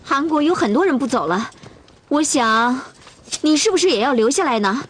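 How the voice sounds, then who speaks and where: A woman's voice: high voice, animated, normal speed. An actress playing a headstrong, lovesick young Russian woman in a period TV drama, insistent and pleading. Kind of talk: television period drama acting.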